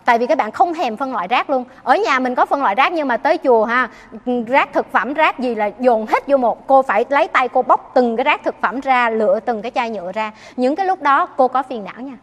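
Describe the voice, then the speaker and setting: A woman's voice: high voice, lively intonation, brisk, in a large hall. A Buddhist nun giving an earnest dharma talk, often questioning her listeners. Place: temple hall.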